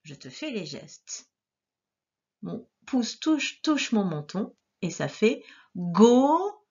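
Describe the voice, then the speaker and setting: Woman teacher sounding out syllables for little kids, slow careful delivery, kinda husky, muffled recording. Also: mid-range voice, sing-song, darkish tone. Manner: slow, clearly articulated syllables with gestures. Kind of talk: dictation lesson for young children.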